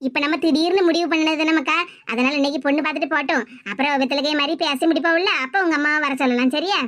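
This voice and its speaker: Cartoon: woman playing motherly village aunt, Tirunelveli Tamil accent, teasing and reassuring, bright tone. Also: high-pitched, fast, no room sound, studio quality.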